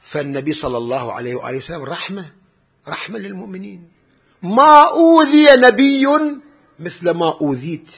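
A man's voice: on the high side, quick pace, gravelly, breathy edge. A man preaching a mourning sermon, drawing his words out into a wailing chant.

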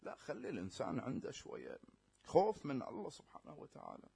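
A man with a slightly high, husky voice delivers a sermon in everyday speech. He punches key words loudly and then drops to low, hushed asides. He stretches out scripture in a slow, measured cadence and often turns to ask his listeners whether they follow. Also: huge pitch swings. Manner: emphatic, swinging between loud rising stresses and quiet low asides; slow drawn-out recitation of scripture. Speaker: preacher. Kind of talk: colloquial religious sermon.

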